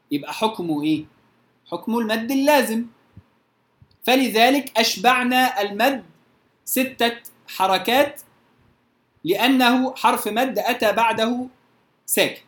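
A woman with an Egyptian Arabic accent teaching Quran recitation rules. She draws out her recited examples slowly and often checks whether her students follow. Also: on the high side, fairly bright tone. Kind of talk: tajweed lesson. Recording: roomy echo.

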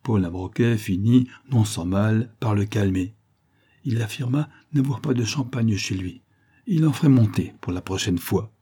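A man reading a serialized detective novel aloud in a measured storytelling manner. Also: lowish voice, dark tone, slightly rough. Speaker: audiobook reader. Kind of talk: scripted narration.

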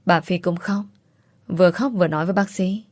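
A woman reads a first-person romance story aloud in a tearful, pleading way. Her voice is fairly low and the recording is dry and close, with no room sound. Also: fairly even intonation, fairly quick, a little mellow, dry recording. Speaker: audiobook narrator. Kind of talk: emotional first-person novel narration.

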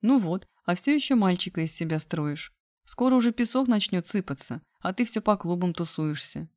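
A woman reading aloud, voicing a sharp-tongued young woman who teases and mocks calmly. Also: on the low side, moderate pace, no room sound, clean studio sound, close to an everyday voice. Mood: teasing. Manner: mocking, cool and cheeky. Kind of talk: audiobook character voice.

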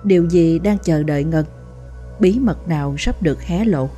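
A woman reading a ghost story aloud in steady, measured scripted narration. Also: sits low. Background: faint background music.

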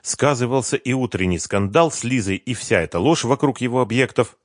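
A man reading a novel aloud as narrator in an even storytelling manner. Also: mid-range voice, a little fast, no echo, studio quality. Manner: even storytelling, voicing all characters. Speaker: audiobook narrator. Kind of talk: scripted narration.

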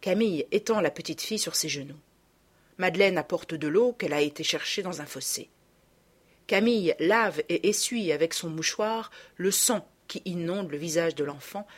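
Breathy woman reading a storybook. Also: on the low side. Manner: expressive, measured reading. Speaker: audiobook reader. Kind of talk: storybook narration.

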